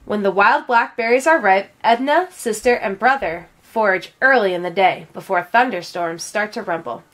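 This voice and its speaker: The reader is a woman whose mid-range voice carries a children's story in a steady, measured, and expressive storytelling fashion.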